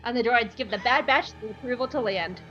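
A woman's voice: on the high side, a little fast, a bit bright, highs cut off, soft background music. A woman co-hosting a podcast, reading a comedic episode recap in a playful, giggly way from home over a call. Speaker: podcast co-host.

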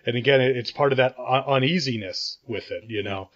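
A man's voice: medium pitch, a little fast, fairly bright tone, lo-fi sound. A man co-hosting a podcast, talking through an album thoughtfully with many restarts and fillers. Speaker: podcast co-host. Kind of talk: casual album discussion.

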